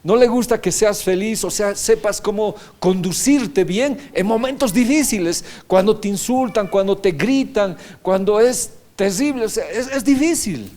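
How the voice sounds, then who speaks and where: A man's voice: sits high, measured pace, few pauses, darkish tone. A man preaching a sermon as pastor, reading scripture aloud and often asking the congregation rhetorical questions. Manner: reads scripture verses aloud.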